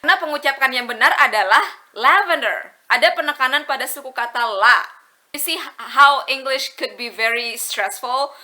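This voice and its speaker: A woman's voice: sits high, moderate pace. A young woman from Indonesia with an Indonesian accent, talking casually to camera in a vlog and explaining things with examples. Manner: animated, switching between two languages, explaining with examples. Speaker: vlogger.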